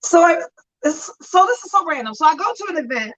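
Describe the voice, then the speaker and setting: Calling in from a friend's house, this fifty-something talk show co-host tells stories and laughs frequently in a high-pitched, very animated voice. She talks a little fast with a slightly bright sound, captured on a low-quality recording.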